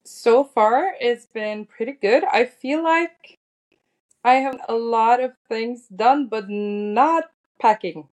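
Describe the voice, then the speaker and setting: A woman's voice: on the high side, takes it slowly, darkish tone. A woman co-hosting a podcast, upbeat and easygoing, chatting casually with lots of fillers over an online call. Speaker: podcast co-host. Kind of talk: casual chat.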